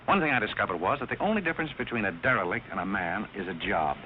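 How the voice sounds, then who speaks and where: A man's voice: on the low side, animated, fast talker, natural voice. A man acting a wry, debonair fellow trading dry screwball banter in a 1930s film comedy. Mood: earnest, sardonic. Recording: noisy muffled 1930s film soundtrack.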